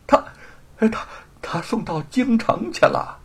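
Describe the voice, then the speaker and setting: A man voicing a scheming, sharp-tongued woman villain in a storytelling performance, with a husky voice. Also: sing-song, slow pace, full character voice. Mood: terrified. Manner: mocking, shrill, then cowering.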